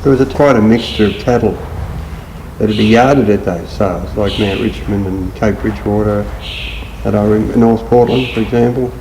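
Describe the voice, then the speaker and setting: A low-voiced older man with a rural Australian accent reminisces in a laconic bush drawl. His voice is gravelly and creaky, and he takes his time. There is faint noise behind him. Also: moderate pace. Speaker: retired livestock agent reminiscing. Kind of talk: oral-history reminiscence. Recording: faint background noise and ambience.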